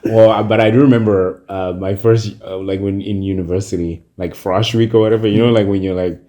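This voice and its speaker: A man from Zimbabwe co-hosting a casual podcast chat, relaxed and thoughtful, with frequent fillers. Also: lowish voice, fairly quick. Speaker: podcast co-host.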